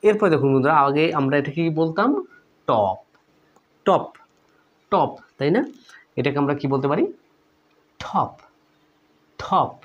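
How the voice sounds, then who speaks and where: A man's voice: fairly high pitch, expressive, normal speed, long pauses, dull audio. A man with a Bangladeshi Bengali accent teaching English pronunciation, who repeats example words several times with stress and asks the viewer questions. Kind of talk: lesson.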